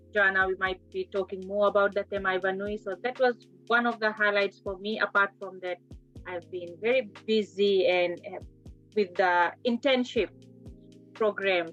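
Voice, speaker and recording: A woman's voice: mid-range voice, pushed and bright, highs cut off. A woman chatting casually as a panellist in an online discussion. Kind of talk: casual chat.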